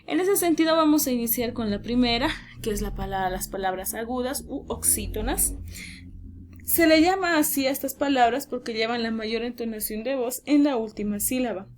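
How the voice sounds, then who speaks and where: A woman teacher giving a lesson, explaining clearly and drawing out key words slowly for emphasis. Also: a little high, animated, darkish tone, slight background noise.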